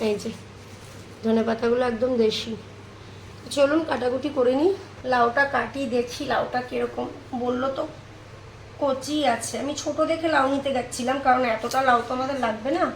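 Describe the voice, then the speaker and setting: A woman's voice: high-pitched, steady tone, normal speed, slight background noise, low-quality recording. A woman from India chatting through her home cooking for a vlog, describing each step to viewers in a kitchen. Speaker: vlogger. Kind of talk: casual cooking vlog narration.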